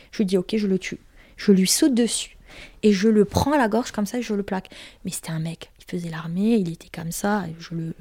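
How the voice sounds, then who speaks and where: A woman's voice: mid-range voice, warm tone, no echo, clean studio sound. A young woman from Corsica frankly telling a personal story in casual talk, crude and emphatic, acting out what people said. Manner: frank, crude, emphatic retelling with acted quotes.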